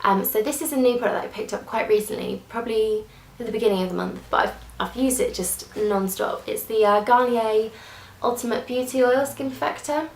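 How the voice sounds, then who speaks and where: Chatty woman, gravelly, roomy sound. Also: fairly high pitch, fairly quick, slight background noise. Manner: chatty, gushing, lots of fillers and restarts. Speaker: beauty vlogger. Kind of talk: casual product review. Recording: echoey room.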